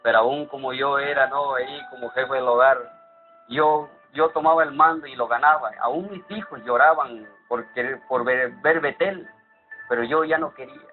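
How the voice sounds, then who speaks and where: A man giving an earnest, halting personal testimony. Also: medium pitch. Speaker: church member giving testimony. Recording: tinny phone-like sound with music behind.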